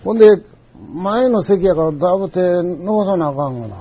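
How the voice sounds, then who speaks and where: A man's voice: high voice, expressive, fairly quick, warm tone, highs cut off, a little hiss or hum. An older man with a Kansai accent, telling old stories in a rambling way and chuckling now and then. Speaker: storyteller. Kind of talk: casual spoken reminiscence.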